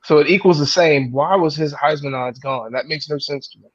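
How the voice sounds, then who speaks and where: A man's voice: on the high side, brisk, fairly bright tone, dry recording, dull audio. A man calling in over a bad connection, asking puzzled questions in casual sports chat. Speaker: call-in guest.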